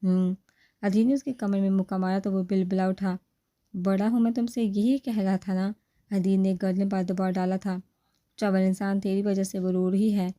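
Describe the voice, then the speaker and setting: A woman reading a comic family novel aloud, narrating and speaking the characters' dialogue in an even, low-key voice that lifts a little for quoted lines. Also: normal speed. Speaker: novel reader.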